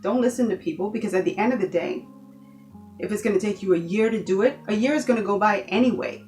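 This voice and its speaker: A woman's voice: medium pitch, quick pace, a little mellow, faint music behind. A woman from the Bahamas giving an earnest motivational talk in her vlog, encouraging viewers and repeating points for emphasis. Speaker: vlogger.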